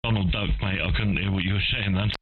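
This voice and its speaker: Man, ham radio operator, deep voice, narrow radio sound, casual banter. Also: fairly even intonation, fast talker. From England. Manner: jokey, chatty, rambling. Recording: narrow radio-band audio, faint hiss.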